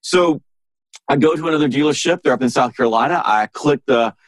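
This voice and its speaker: A man, a sales author guesting on an interview podcast, telling emphatic, animated anecdotes and firing off exasperated rhetorical questions. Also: medium pitch, brisk, no room sound.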